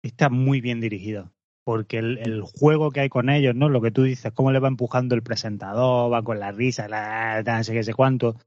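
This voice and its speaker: A man from Spain with a Spanish accent, co-hosting a podcast in excitable casual chat, swearing and laughing often. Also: mid-range voice, a little fast, no room sound, muffled recording. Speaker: podcast co-host.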